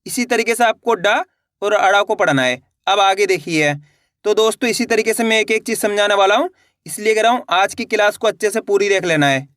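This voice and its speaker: A man's voice: high-pitched, lively intonation, a little fast, fairly bright tone, dry recording, clean studio sound. A man teaching reading step by step, patiently spelling out letters and asking the viewer questions. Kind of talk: slow spelled-out reading lesson.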